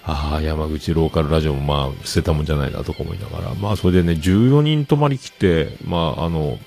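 A man's voice: a bass voice, a little fast, gravelly, darkish tone. A middle-aged man hosting a show, chatting casually as he tells family stories and acts out other people's lines. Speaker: host. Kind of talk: casual storytelling monologue.

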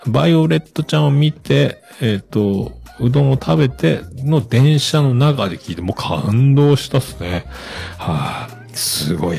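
A man hosting a podcast, chatting casually as he reads out listener messages with many relaxed fillers. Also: mid-range voice, vocal fry, breathy edge. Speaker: podcast host.

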